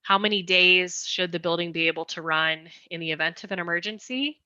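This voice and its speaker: A woman presenting school design plans at a community meeting, explaining carefully and slowing her pace for translators. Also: fairly low pitch, pushed and bright, dry recording, dull audio.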